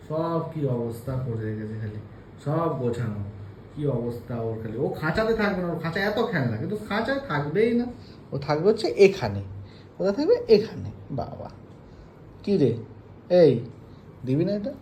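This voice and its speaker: Man coaxing his puppy, lively pitch. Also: roomy sound, slight background noise. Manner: coaxing, playful baby-talk to a puppy. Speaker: dog owner filming his pet. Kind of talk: casual talk to a dog. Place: bedroom at home.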